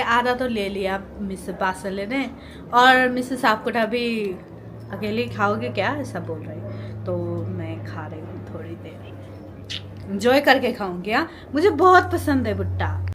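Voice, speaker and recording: A woman's voice: mid-range voice, fairly bright tone, a little hiss or hum. A woman in her thirties, a mother and vlogger, talking in a chatty, reflective way in a casual vlog, laughing now and then.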